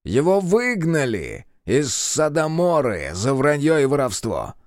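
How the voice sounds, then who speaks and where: A man's voice: fairly high pitch, huge pitch swings, measured pace, no room sound, clean studio sound, voice pushed up. A man voicing a brash, insolent captive creature with long ears, who howls and snarls his words. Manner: howling, shouting and snarling.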